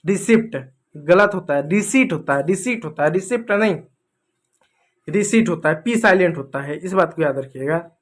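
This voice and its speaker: A man's voice: fairly high pitch, lively intonation, normal speed. A man from India teaching English pronunciation, drilling each word over and over in a teasing, scolding way. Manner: repetitive, drilling words over and over. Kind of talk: classroom lesson.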